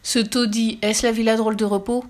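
A woman voicing a pompous, greedy rich gentleman who talks down to children in a storybook reading. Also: fairly high pitch, flat delivery, fairly quick, natural voice. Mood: impatient. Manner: curt and dismissive.

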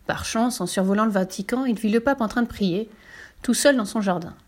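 A woman narrating a children's tale in a measured, expressive reading voice. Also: mid-range voice. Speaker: storyteller.

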